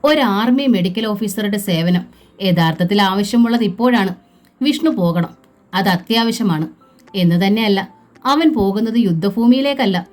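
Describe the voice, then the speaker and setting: A woman's voice: mid-range voice, moderate pace, darkish tone, soft background music, close to an everyday voice. A woman reading as a stern old father. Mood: reassuring. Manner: firm, scolding reading. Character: stern older father scolding his grown daughter.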